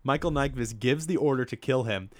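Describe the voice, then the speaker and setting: A man co-hosting a casual movie-review podcast, rambling with lots of ums and quick laughs. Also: medium pitch, darkish tone. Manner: laughs often, rambling with many ums and uhs. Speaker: podcast co-host.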